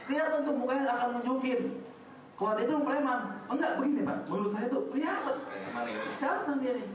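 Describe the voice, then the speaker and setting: A man's voice: extremely high pitch, quick pace, a crowd in the background. A man giving a casual religious talk in a prayer room, joking and asking his audience questions. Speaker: preacher. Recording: echoey room from a distant mic.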